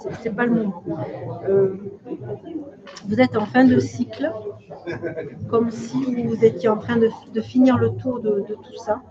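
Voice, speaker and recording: A woman's voice: on the high side, fairly even intonation, measured pace, pauses often. A woman giving live readings as a medium, speaking spontaneously in short, repeated, reassuring fragments. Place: public hall with audience. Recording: dull sound, loud crowd noise. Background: loud crowd.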